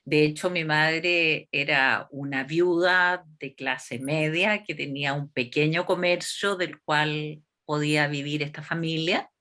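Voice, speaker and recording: A woman's voice: sits low, fairly even intonation, sharp tone. A woman in her sixties with a Chilean accent, talking thoughtfully and at length as an interview guest. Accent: Chilean Spanish. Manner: slow, thoughtful, measured. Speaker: interviewee, constitutional delegate. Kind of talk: reflective interview talk.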